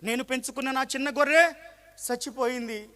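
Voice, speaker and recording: Preacher voicing a grieving old shepherd, soft and wailing, high bright voice. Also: male voice, brisk. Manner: wailing repetition. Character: grieving old shepherd man mourning his wife.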